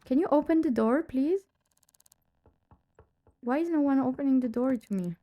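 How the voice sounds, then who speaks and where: A woman with a high-pitched voice speaks at a moderate pace, and the recording's highs are cut off. She has a cold that lowers her voice, and she's casually chatting on a live stream while playing a detective game, laughing often.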